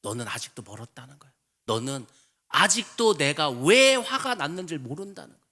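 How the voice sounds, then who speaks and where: A man's voice: on the high side, big pitch swings, moderate pace, sharp tone, long reverb tail, full character voice. A man voicing a stern older king who scolds his son in a sermon story out of hidden fear. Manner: gruff scolding, then tender.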